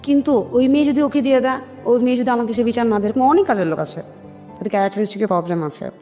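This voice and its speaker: In an interview, a Bangladeshi-accented woman tells the story of her life at a rapid-fire pace, her voice fairly high with a dark tone. She's earnest and emphatic, performing remembered conversations aloud. There's long reverb on the recording and music in the background.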